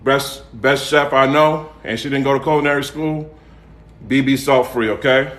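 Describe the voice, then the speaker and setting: A Southern-accented man raised in Atlanta hosts a home cooking livestream, where he's a home cook selling seasonings. He chats in a folksy way at a medium pitch, repeating himself and tagging phrases with "okay?" and "all right?", with fairly even intonation, a moderate pace, and a bit of brightness. The room sound is noticeably echoey.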